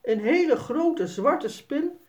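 A woman voicing an excitable little girl who is easily startled. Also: sits high, takes it slowly, voice pushed up. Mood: excited. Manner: excited, squealing.

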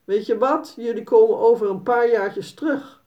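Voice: medium pitch, normal speed, pitched above the performer's own voice, lightly acted. A woman doing a kindly, good-natured farmer. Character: friendly farmer, grown man, good-natured. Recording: dull, slightly distant recording.

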